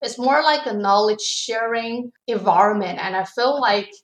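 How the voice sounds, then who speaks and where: A young woman from China speaking English with a Chinese accent, her native language Mandarin, telling her personal story as a graduate student in halting speech with frequent restarts. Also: fairly high pitch, low-quality recording.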